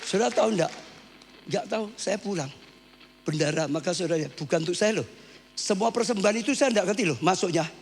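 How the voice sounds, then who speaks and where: A man preaching a sermon in church with speech. He tells his story with animation, shouting at the high points and dropping to soft asides. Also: fast talker, vocal fry. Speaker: pastor. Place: church hall. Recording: hum from a live church stream with long hall reverb.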